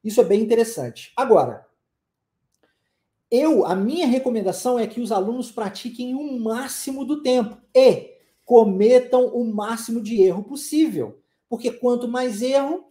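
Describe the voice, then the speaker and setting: A man's voice: extremely high pitch, moderate pace, warm tone, reverberant. A man with a Southeastern Brazilian accent teaching an online language lesson, playful and making sound effects to show pronunciation. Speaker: English teacher.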